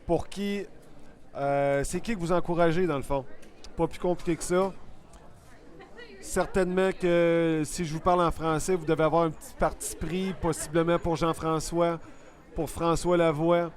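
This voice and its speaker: A man's voice: fairly high pitch, steady tone, normal speed. A man with a Quebec French accent doing casual, chatty, self-deprecating live-stream sports commentary.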